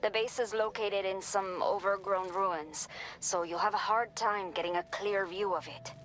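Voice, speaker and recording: An actress voicing La Madre, earnest ex-bandit. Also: female voice, medium pitch, steady tone, moderate pace, fairly bright tone, slight background noise, close to an everyday voice, low-quality recording. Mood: businesslike. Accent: Mexican. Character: pregnant former bandit woman, weary but determined. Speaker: game character giving delivery orders. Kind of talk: video game voice acting.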